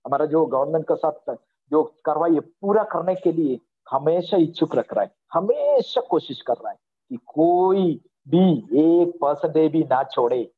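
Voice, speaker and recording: A man's voice: on the high side, breathy edge. Earnest man on a tinny video call. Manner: earnest, reassuring, keeps asking for agreement. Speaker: company leader addressing members. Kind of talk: motivational pep talk in an online meeting.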